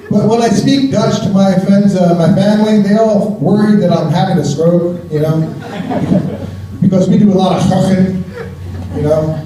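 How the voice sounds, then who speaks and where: On a theater stage with a live crowd, this high-voiced American comic delivers his set in a dry, chatty manner and laughs at his own lines. There's noise in the background, the room sounds spacious, and the microphone is far off.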